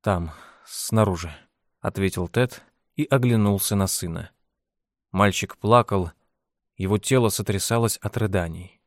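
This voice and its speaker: A man narrating an audiobook in a steady, measured reading style. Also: lowish voice, dry recording, clean studio sound. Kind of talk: scripted narration.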